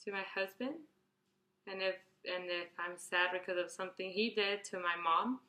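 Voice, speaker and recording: Recorded in an echoey room, a lowish, steady female voice speaks at a moderate pace. It's a 21-year-old beauty vlogger chatting through a question tag video: she reads each question out brightly, then rambles through her answers, restarting and using fillers.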